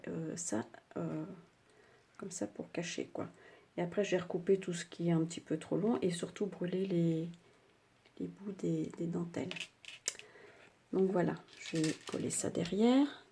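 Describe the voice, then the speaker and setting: An older Frenchwoman hosting a craft tutorial, speaking softly with a slightly sore throat, chatty and hesitant with many fillers. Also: lowish voice, slight background noise.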